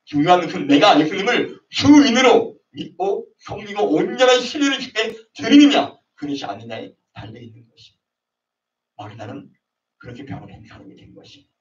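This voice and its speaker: A man delivering a sermon in a lively, sing-song way, his fairly high voice leaping up when he acts out arguments. He sounds set back from the mic. The sound is dull and roomy, as in a church's online service video. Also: a little fast, distant mic. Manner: animated, acts out quarrels in raised voices. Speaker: pastor. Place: church sanctuary.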